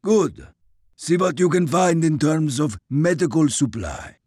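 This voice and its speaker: A stern, commanding soldier, as a male narrator puts him on, clipped and loud, his pitch pushed up above the narrator's. Every sentence lands like an order. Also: animated, a little slow, husky, no room sound, clean studio sound.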